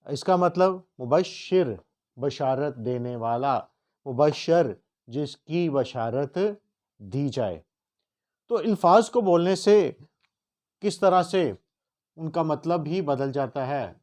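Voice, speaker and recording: A man's voice: a little high, expressive, darkish tone. Emphatic man from Punjab teaching. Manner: emphatic, slows to spell out word pronunciations. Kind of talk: motivational lesson.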